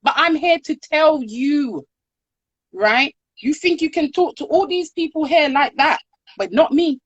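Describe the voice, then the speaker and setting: Woman doing a haughty, furious woman putting someone in their place, shrill and close-miked. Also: measured pace, no room sound, muffled recording. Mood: indignant. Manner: high, loud and outraged. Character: proud, indignant woman scolding a stranger.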